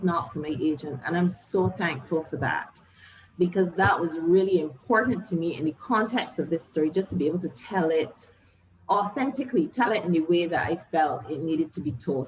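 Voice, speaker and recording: A woman's voice: on the low side, slight background noise, poor audio. A woman from Barbados with a Bajan accent, answering interview questions as a novelist in a reflective, explanatory, conversational way.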